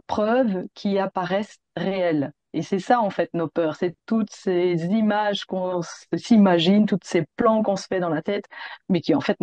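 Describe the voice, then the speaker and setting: Gentle hesitant woman explaining a practice. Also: lowish voice, dry recording, lo-fi sound. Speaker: Jin Shin Jyutsu practitioner. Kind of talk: explaining a relaxation practice on a video call.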